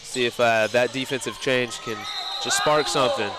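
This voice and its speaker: A man's voice: mid-range voice, steady tone, normal speed. A young man giving casual basketball color commentary, with chatty analysis full of filler words. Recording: noisy gym ambience. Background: gym crowd and bouncing basketballs.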